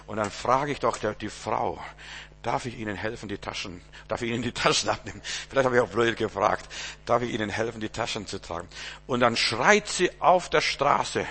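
A man's voice: on the low side, fairly bright tone. A male pastor, around his fifties, giving an informal sermon in a conversational way, with rhetorical asides and stammered repeated words.

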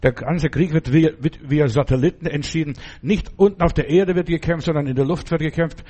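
A man's voice: on the high side, a little fast, dark tone, slightly rough. An older man, a pastor, preaching a sermon emphatically and addressing his congregation directly.

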